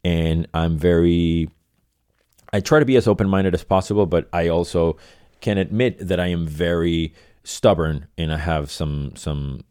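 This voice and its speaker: A man's voice: low voice, steady tone, unhurried, dark tone, smooth, no echo, studio quality. A middle-aged man from Venezuela hosting his own podcast, talking loosely and correcting himself as he goes. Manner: rambling, self-correcting, repeats phrases. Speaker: podcast host. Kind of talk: casual solo podcast monologue.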